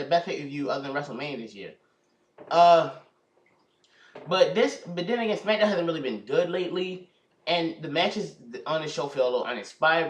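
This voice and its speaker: Young male host, quick rambling delivery, a bit high, recorded far from the mic in a roomy space. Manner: rambling, self-correcting, restarts often. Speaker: host of a prediction video. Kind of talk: casual wrestling predictions chat. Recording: echoey room, mic far off.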